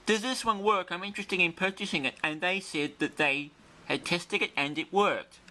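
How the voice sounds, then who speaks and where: A man presents a vintage radio demonstration video, giving an unscripted show-and-tell in a bright indoor room. His high-pitched, sharp voice moves at normal speed as he explains things carefully and in detail.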